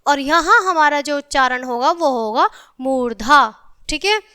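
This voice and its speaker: Woman teacher, high clear bright voice, spelling letters out slow for kids, lots of "theek hai". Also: animated. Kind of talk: grammar lesson for children.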